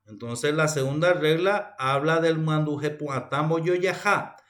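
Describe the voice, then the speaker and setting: A man with a Paraguayan accent giving a recorded university language lecture, methodical and repeating key terms, with frequent "eh" fillers. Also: fairly high pitch.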